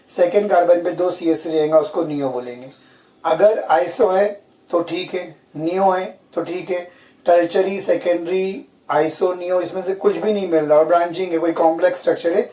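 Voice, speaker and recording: A man's voice: a little high, warm tone. A man teaching chemistry in Hindi-English mix, often quizzing his students and repeating key terms. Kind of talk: classroom lecture. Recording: echoey room, from far off.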